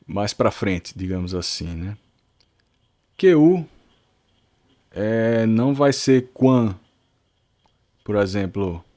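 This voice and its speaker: A man with a Brazilian Portuguese accent teaching a recorded language lesson, patiently explaining and repeating example words slowly and carefully, often checking in with tag questions. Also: medium pitch, darkish tone. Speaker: French teacher.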